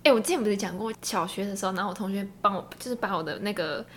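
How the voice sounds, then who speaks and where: A young woman co-hosting a podcast in casual chat, often giving soft murmured agreement. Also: medium pitch, very fast, a little hiss or hum. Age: young adult. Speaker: podcast co-host.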